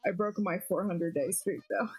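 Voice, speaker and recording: Husky-voiced playful woman. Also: fairly low pitch, normal speed, a little mellow. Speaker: podcast co-host. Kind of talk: casual chat on a live stream.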